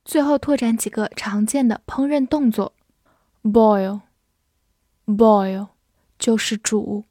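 A woman teaching English vocabulary, spelling out words and reading example sentences slowly and carefully. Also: on the high side, dark tone, husky, no room sound, clean studio sound. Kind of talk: vocabulary lesson.

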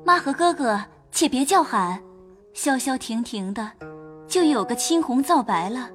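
An actress playing a composed, sensible young lady in an audio drama, speaking in a gentle, reasoning tone. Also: high-pitched, animated, a little slow, faint music behind. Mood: persuading.

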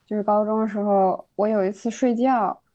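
A young woman recounting a school anecdote in lively casual podcast chat. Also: mid-range voice, normal speed, no room sound. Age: young adult. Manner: animated anecdote telling. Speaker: podcast guest. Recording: dull lo-fi dry sound.

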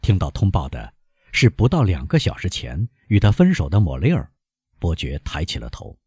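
Breathy low-voiced male narrator. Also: wildly swooping pitch, normal speed, a little mellow, no room sound, studio quality. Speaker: audiobook narrator. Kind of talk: scripted novel narration.

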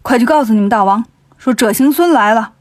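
A woman doing a cheeky, high-voiced monkey king. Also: dry recording, studio quality, lightly acted. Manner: cocky, quick-witted, teasing. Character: clever cheeky monkey king, male, mischievous.

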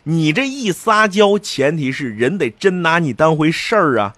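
A man's voice: a little high, big pitch swings, moderate pace, fairly bright tone, dry recording. A man giving a colloquial, jokey storytelling history lecture.

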